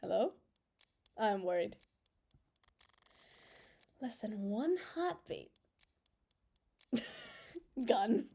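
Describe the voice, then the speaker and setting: A woman playing a story game, reading its lines aloud and reacting with animated, excitable commentary. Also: mid-range voice, extremely slow, creaky, long pauses, slightly rough. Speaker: let's play gamer. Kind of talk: casual gameplay commentary, reading dialogue aloud. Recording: faint game music behind.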